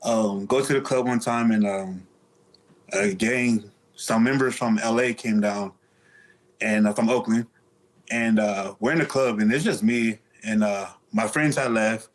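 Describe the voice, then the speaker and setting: A man's voice: on the low side, a little slow. A man speaking candidly as an interview guest, telling stories casually in streetwise slang with some swearing.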